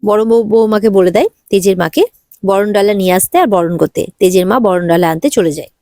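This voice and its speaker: A woman's voice: medium pitch, fairly quick, dark tone, dry recording, studio quality. Chatty woman retelling a drama episode. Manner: chatty, with restarts and fillers. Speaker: serial recap narrator.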